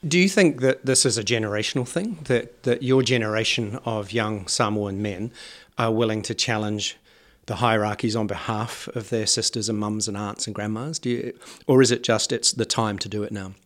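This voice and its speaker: A man's voice: fairly low pitch, moderate pace, few pauses. A man interviewing two guests, asking curious, guiding questions. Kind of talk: radio-style interview.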